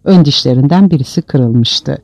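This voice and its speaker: A man's voice: a little high, animated, moderate pace, gravelly, darkish tone, no room sound. A man narrating an audiobook in a dramatic storytelling manner, on a dull, dry lo-fi recording.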